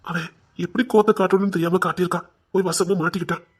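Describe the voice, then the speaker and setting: A man's voice: high voice, steady tone, fast, husky. An actor playing a protective elder brother who soothes his family with repeated endearments, speaking with a Tirunelveli Tamil accent. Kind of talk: web serial acting.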